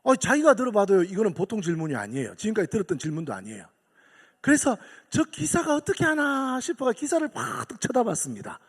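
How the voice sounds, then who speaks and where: A man's voice: high-pitched, wildly swooping pitch, fast, slightly rough. A male pastor with a Gyeongsang accent, telling a story in a sermon and building to emphatic calls to the congregation. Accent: Gyeongsang Korean. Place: church sanctuary. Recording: long hall reverb of a church.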